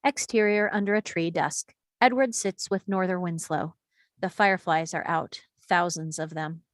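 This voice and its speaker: A woman reading stage directions aloud in a table read, steady and clear. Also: fairly low pitch, moderate pace, dry recording, studio quality.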